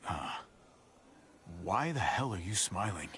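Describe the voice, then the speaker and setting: An actor playing an anxious, placating younger brother among survivors in a dramatic video game. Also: male voice, on the low side, sing-song, slow pace, fairly bright tone, breathy edge, exaggerated voice. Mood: wary. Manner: pleading, placating.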